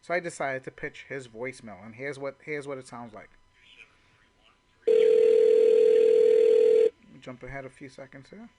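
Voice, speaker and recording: Speaking in a mid-range voice at normal speed, often pausing, this man trains people in network marketing. He goes through call examples conversationally and unscripted, with frequent "you know"s.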